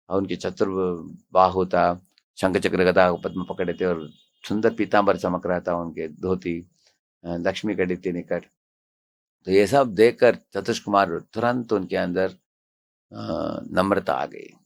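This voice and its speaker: A low-pitched man with a gravelly, fry-laden voice gives a devotional lecture as a temple president. He tells stories with animation, acts out the dialogue and keeps putting questions to his listeners. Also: steady tone, a little slow. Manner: asks the audience questions.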